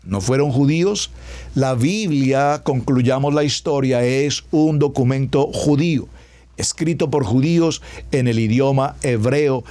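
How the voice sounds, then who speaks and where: A male pastor delivers a radio sermon in an emphatic, deliberate way. He piles up phrases in lists and draws out the words he wants to stress. His voice sits at an ordinary male pitch. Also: dark tone.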